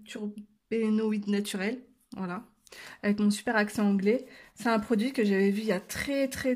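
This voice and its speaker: A woman casually explaining a coloring technique step by step, talking to her viewers with frequent hesitant filler pauses and chatty asides. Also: on the high side, darkish tone. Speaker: coloring tutorial creator.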